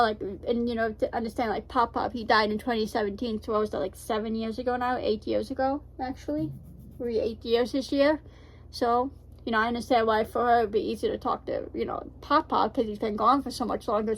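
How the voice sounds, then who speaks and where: Chatty woman host, fairly high voice. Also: poor audio. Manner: chatty, rambling with many fillers. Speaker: reaction video host. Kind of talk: casual chat.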